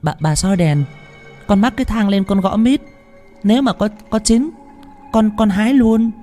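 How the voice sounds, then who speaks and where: A man voicing a young female servant girl in a spoken ghost story, talking in a high, stammering voice. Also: normal speed, mellow, soft background music, close to an everyday voice. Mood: chatty. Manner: shrill, stammering panicked cries.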